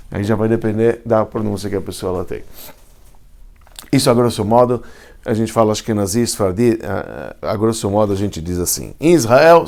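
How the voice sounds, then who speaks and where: A man's voice: fairly low pitch, darkish tone. A man, a rabbi teaching Hebrew letters in a class, explaining step by step and often asking if students follow. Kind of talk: classroom lecture.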